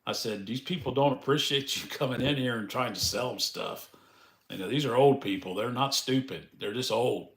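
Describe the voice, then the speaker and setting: A man's voice: medium pitch, normal speed, vocal fry, fairly bright tone, roomy sound. A man hosting a casual live stream, chatting in a folksy way with the viewers and laughing often.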